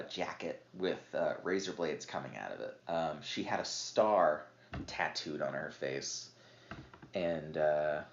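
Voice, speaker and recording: A slightly tipsy man, a podcast guest, chatting casually about his game with lots of fillers and laughs. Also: low-pitched. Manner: rambling, filler-heavy, laughs often. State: a little tipsy. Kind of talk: casual chat. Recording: roomy, dull lo-fi podcast audio.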